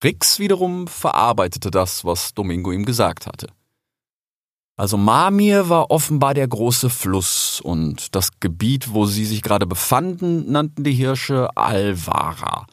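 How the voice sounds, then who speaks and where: A man narrating a children's animal story as an audiobook, in an expressive storytelling manner. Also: fairly low pitch, unhurried, no echo, clean studio sound.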